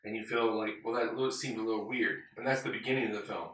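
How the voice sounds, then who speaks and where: Bright-voiced man in a very echoey room. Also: on the low side, steady tone, fast talker, slight background noise. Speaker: film review panelist. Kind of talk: casual film discussion. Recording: very echoey room, far from mic.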